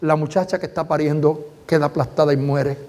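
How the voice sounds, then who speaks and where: A man's voice: fairly high pitch, fairly even intonation, fairly quick, a little mellow. A middle-aged man, a pastor, telling an emotional testimony in a sermon and addressing his congregation directly.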